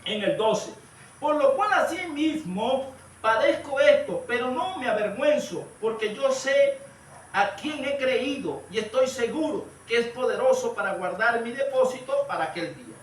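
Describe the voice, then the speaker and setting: Man, preacher, high voice, storytelling sermon, recorded from a distance in a roomy hall. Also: animated, moderate pace. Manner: storytelling, addresses listeners as brother, rises to shouts. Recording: echoey room, far from the mic, light noise.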